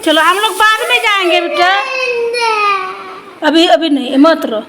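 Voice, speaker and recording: A woman from Jharkhand, India, vlogging outdoors on a phone. She talks to a crying child in soft, coaxing words and repeats short phrases. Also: very high-pitched, expressive, measured pace. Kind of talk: casual daily vlog. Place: outdoors in the sun. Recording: loud background noise.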